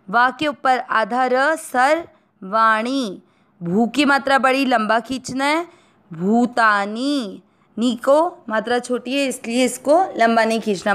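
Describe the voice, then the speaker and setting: An Indian woman teaching Sanskrit pronunciation, breaking words into syllables and then chanting each verse slowly. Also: a little high, fairly bright tone, clear, resonant tone. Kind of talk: slow syllable-by-syllable recitation lesson.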